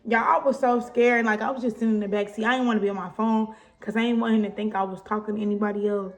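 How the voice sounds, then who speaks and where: A woman's voice: mid-range voice, fairly even intonation, fast. A young woman, telling a storytime vlog in a chatty, blunt way. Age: young adult. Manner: chatty, blunt, frequent "like" and "y'all". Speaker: vlogger. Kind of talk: casual storytime chat. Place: home, with a baby nearby.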